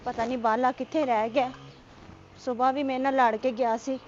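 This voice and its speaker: A woman plays a distraught sister who wails and begs. Her voice is very high. The recording is dull and lo-fi under a faint hiss. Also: level tone, fairly quick, natural voice. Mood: worried. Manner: wailing, pleading. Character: distraught young sister, weepy and wailing. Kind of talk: comedy sketch acting.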